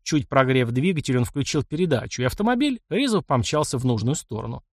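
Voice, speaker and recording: A man narrating an audiobook in expressive scripted storytelling. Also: mid-range voice, fairly quick, no echo, studio quality.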